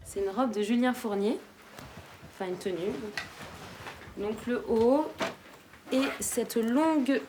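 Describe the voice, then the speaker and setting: A woman's voice: on the high side, slow pace, long pauses, slight background noise. A woman, a singer, chatting in a casual interview, enthusiastic and talkative. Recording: loud music behind the voice.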